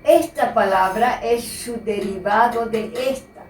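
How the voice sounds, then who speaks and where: A woman teacher giving a slow, patient spelling lesson and repeating the key words. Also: on the high side, slight background noise. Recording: echoey room, voice from a distance.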